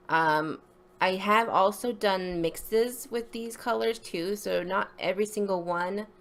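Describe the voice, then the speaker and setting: A woman's voice: on the low side, a bit bright. A woman with a slight lisp giving a casual, rambling voice-over for an art video, with informal apologetic asides.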